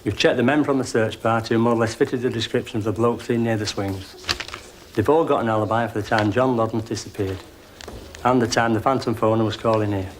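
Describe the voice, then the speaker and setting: A man's voice: fairly low pitch, steady tone, a little fast, a little hiss or hum, natural voice. Man playing a deferential detective sergeant. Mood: matter-of-fact. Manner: deferential, reporting to his boss. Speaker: police detective.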